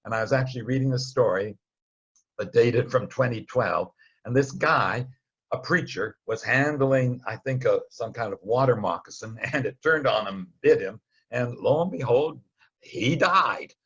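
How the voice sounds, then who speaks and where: A Bible study teacher gives a casual, explanatory lesson, telling it like a story with wry asides and acting out brief quotes. His voice is medium-pitched, somewhat bright and husky, at a normal pace, and the recording sounds lo-fi.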